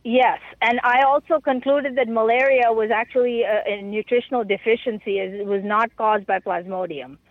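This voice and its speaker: A woman's voice: on the high side, steady tone, no echo. Woman on a tinny phone line. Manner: halting, stumbling over words. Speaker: interviewee. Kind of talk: answering questions in an interview.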